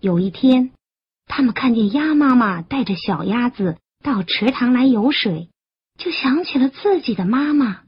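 A woman narrating a children's bedtime story in an animated, sing-song manner. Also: fairly high pitch, unhurried, husky, dull audio.

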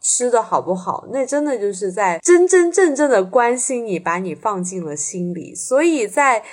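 A woman's voice: a little high, big pitch swings, moderate pace, husky. A woman co-hosting a casual chat about a classic novel, sharing personal stories in a reflective way. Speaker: podcast co-host.

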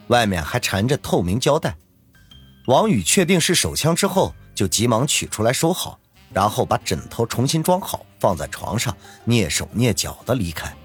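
A man narrating a serialized web novel in a dramatic storytelling manner. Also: on the low side. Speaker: audiobook narrator.

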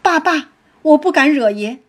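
A woman doing a sharp-tongued young maid. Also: high-pitched, lively intonation, normal speed, voice pushed up. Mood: pert. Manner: pert, brushing off.

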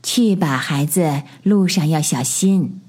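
Woman plays a tired old mother rabbit, low, slow and breathy, gentle storybook parent. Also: exaggerated voice. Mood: tender. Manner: soft, slow and weary.

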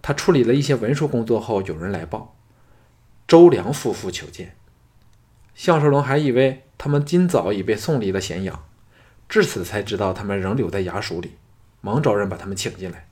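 A man narrating a martial-arts fantasy novel as an audiobook, in a steady storytelling voice. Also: fairly low pitch, normal speed.

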